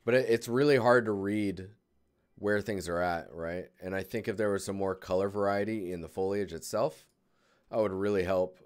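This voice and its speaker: Deep-voiced man critiquing art casually. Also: normal speed, smooth. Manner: relaxed, rambling, thinking aloud. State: yawning, tired.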